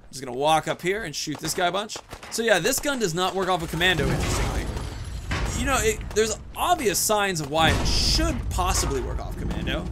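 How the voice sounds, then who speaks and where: Over video game sounds and some background noise, a man in his thirties provides casual let's-play commentary, chatting and thinking aloud while he plays. His voice sits a little high.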